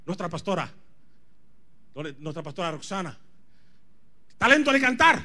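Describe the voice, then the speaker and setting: A man's voice: high-pitched, very animated, normal speed, bright, forceful tone. A man in his forties preaching a charismatic sermon as a pastor, speaking Spanish as a second language, emphatic and repetitive, often questioning his listeners. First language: not Spanish. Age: 40s. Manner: emphatic, repeats phrases, questions the congregation.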